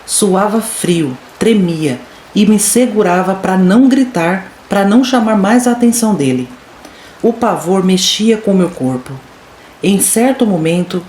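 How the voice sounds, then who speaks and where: A woman narrates a listener's horror story in the first person, building suspense with dramatic pacing. Her voice sits a bit low, and the recording carries noticeable room echo with a faint noise floor underneath. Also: darkish tone.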